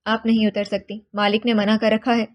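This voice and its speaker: Woman doing a timid housemaid, soft and restrained, audio novel reading. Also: medium pitch, little pitch movement, highs cut off, natural voice. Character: quiet obedient female housemaid.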